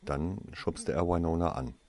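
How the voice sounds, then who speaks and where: Deep-voiced, husky male storyteller. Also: unhurried, darkish tone. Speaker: reader. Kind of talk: reading a fantasy story aloud.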